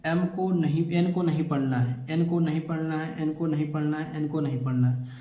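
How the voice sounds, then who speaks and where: A man's voice: on the high side, fairly even intonation, normal speed, dark tone. Male teacher drilling rules in an echoey room. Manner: repetitive, drills rules, asks and answers his own questions. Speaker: English teacher. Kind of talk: classroom-style lesson.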